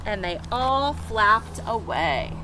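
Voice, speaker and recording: Reading slowly in a sing-song, mid-pitched voice, a woman brings a picture book to life for small children and talks to them as she goes. The setting is outdoors, close to pet chickens. Street-level city noise runs through the recording.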